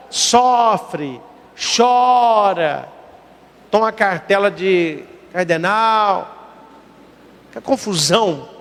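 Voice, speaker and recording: Man, priest, sermon, rhetorical questions, high voice, long reverb. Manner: rhetorical questions, emphatic repetition.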